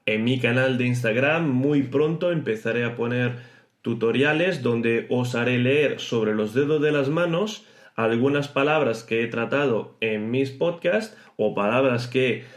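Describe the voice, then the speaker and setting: A man whose first language is Italian hosts a podcast lesson and explains pronunciation, slowing down to stretch words out. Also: mid-range voice. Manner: explanatory, slows to exaggerate pronunciation. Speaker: podcast host teaching Italian. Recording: roomy echo.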